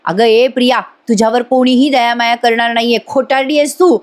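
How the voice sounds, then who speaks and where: A woman's voice: on the high side, fairly even intonation, a little fast, natural voice. A woman voicing an indignant young woman who scolds and throws someone out. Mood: scolding. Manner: scolding, sharp. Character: indignant young daughter-in-law Sayali, scolding.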